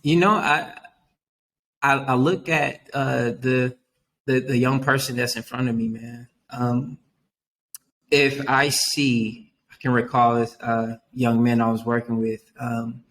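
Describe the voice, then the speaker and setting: A man's voice: mid-range voice, slow, slight background noise, low-quality recording. Earnest man telling stories animatedly. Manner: earnest, animated storytelling, often says "man". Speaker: youth worker guest. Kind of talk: casual podcast interview.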